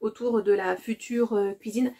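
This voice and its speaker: A French woman, a native French speaker, chats casually to the camera as a vlogger presenting her shopping haul, often hesitating with fillers and repeating words. Her mid-range voice is warm and steady, and she speaks a little slowly.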